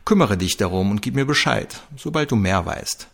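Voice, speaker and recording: A brisk, unrelenting female chief inspector in an audiobook, as a male narrator puts her on. The voice sits low and gravelly but is pushed up into a clipped, demanding delivery. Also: expressive, full character voice. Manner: curt, demanding.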